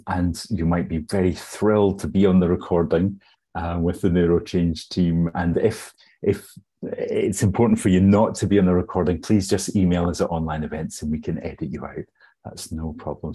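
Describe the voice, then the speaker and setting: Scottish male webinar host, low mellow voice, friendly, hesitant with fillers. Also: breathy edge. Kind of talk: webinar housekeeping. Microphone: video call.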